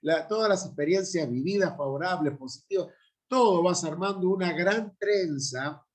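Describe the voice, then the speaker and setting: Argentine pastor giving an emphatic Bible lecture. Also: male voice, high-pitched, normal speed. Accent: Argentine Spanish. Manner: emphatic, with frequent rhetorical tag questions. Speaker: pastor teaching a Bible class.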